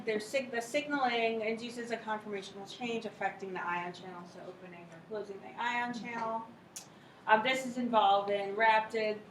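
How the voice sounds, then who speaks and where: Captured from some way off in a lecture hall or classroom, a woman professor delivers a relaxed, chatty cell biology class and poses questions to her students. She has a mid-range voice. There's a roomy echo and a little background noise.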